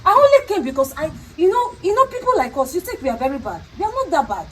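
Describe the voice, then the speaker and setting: A woman's voice: very high-pitched, sing-song, fast, a little hiss or hum. A woman with a Nigerian accent talking in a stern, scolding way, repeating herself for emphasis. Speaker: traditional priestess. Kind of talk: unscripted confrontational talk.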